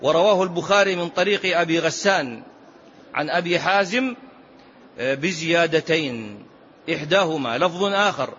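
Brief: male sheikh, high bright voice, explanatory lesson delivery on a dull lo-fi recording. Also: moderate pace, long pauses, a little hiss or hum. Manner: explanatory, asks rhetorical "ha?" of listeners. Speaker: sheikh teaching a hadith book. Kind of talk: classical religious lesson.

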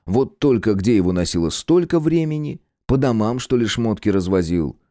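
Male narrator, first-person audiobook, lively low voice, dry close sound. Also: moderate pace, dry recording.

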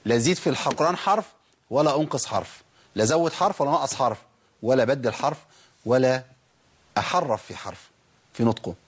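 A man with an Egyptian accent teaching Quran recitation, who asks the class questions, answers them himself, and draws out example words slowly. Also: mid-range voice, lively intonation, slightly rough. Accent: Egyptian Arabic. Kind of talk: tajweed lesson.

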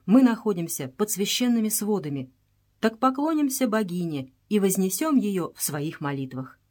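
A woman's voice: mid-range voice, sing-song, normal speed, a little mellow. A regal princess who gives orders with cold, solemn authority, as a woman narrating a storybook puts her on. Her lines are raised and weighty against the plain narration.

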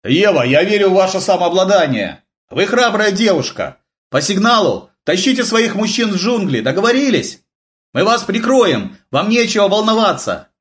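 A man's voice: mid-range voice, lively intonation, moderate pace, natural voice. A man voicing a tough male major who barks short, curt orders in battle, in an audiobook. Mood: rallying shout.

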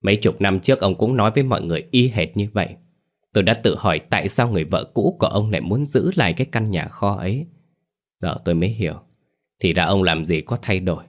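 Stern spirit master, measured, narrator plays him, deep. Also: male voice, animated. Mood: stern calm. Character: calm male spirit master, stern and knowing.

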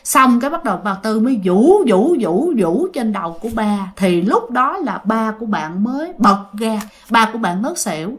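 A woman's voice: fairly high pitch, sing-song, normal speed, few pauses. A woman with a Southern Vietnamese accent telling a ghost story in a chatty way, talking straight to her listeners. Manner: chatty, addresses listeners directly.

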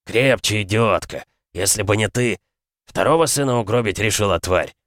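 A man's voice: lowish voice, normal speed, no room sound, studio quality, close to an everyday voice. A man doing a snarling, raging father. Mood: contemptuous. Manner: snarling, insulting shouts. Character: cruel, raging middle-aged father.

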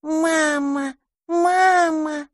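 A woman's voice: animated, drawn-out words, no room sound, exaggerated voice. A woman doing a babyish little dragon. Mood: clingy, stubborn. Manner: high babyish, clingy. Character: newborn baby dragon, trusting and stubborn.

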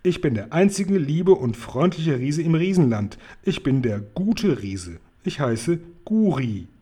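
A man voicing a big, friendly male giant who booms and muddles his words while reading a storybook aloud. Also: big pitch swings, a little slow, warm tone, breathy edge, heavily acted. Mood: boisterous.

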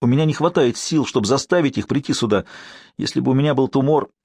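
A man's voice: medium pitch, fast, a little mellow, breathy edge, no echo, clean studio sound. A man voicing a young sorcerer, strained and pleading, in an audiobook. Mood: desperate. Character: young exhausted sorcerer, desperate.

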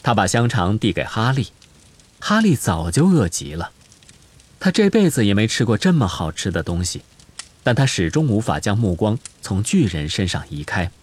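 A man reading an audiobook with expressive scripted storytelling narration. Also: fairly low pitch, moderate pace.

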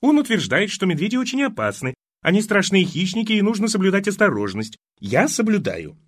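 A man doing a fussy elderly mother who chatters on in a high, fluttering voice that swoops up and down. She rambles and stresses every word, recorded close and dry for an audiobook. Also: sing-song, brisk, no room sound. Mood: fussing. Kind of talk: audiobook character voice.

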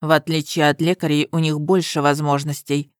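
A woman voicing a stern, suspicious young male guard commander in an audiobook, speaking flatly and coldly. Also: deep voice, brisk, no room sound, clean studio sound, close to an everyday voice. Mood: grave. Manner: flat, cold, commanding. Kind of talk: audiobook character reading.

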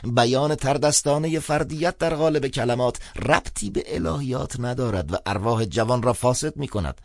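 A man doing a husky grumpy old man. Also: no room sound, clean studio sound, close to an everyday voice. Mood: excited. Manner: gruff, mumbling, then shrill and excited. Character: grumpy suspicious old man on the phone, pipe-smoking. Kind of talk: audiobook character voice.

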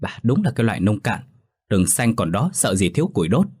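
A man's voice: fairly low pitch, big pitch swings, fairly quick, darkish tone, slightly rough. A man voicing a greedy, cunning middle-aged village official in a storytelling narration, speaking with a contemptuous hiss. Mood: scornful. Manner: hissing, contemptuous.

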